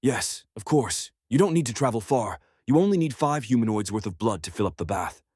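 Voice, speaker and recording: Sinister spider-creature cultist acted by a man, lowish husky voice, coaxing, dry close sound, fantasy story. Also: very animated, a little fast, a little mellow, no room sound. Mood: sly.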